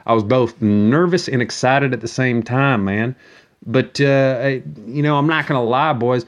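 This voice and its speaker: A man with an average-pitched voice rambles through a profane comic monologue. He is crude and foul-mouthed, often stammering and repeating words as he gets to his point. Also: normal speed, dull audio.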